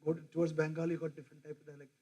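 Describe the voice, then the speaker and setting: Lecturing teachers at a rapid-fire pace, an older Indian English-accented professor has a slightly high, dark, husky voice with little pitch movement. His talk wanders off track, and he frequently asks his audience questions.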